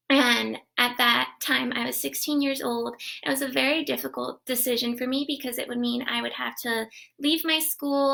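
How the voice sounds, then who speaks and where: A young woman from New Jersey chats on her live stream about dance. Her voice is bright and crisp, with a gravelly fry underneath, and it sits a little high. She talks in a friendly, loose way, with lots of ums and repeated words. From New Jersey, USA. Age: young adult. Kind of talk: casual live-stream talk.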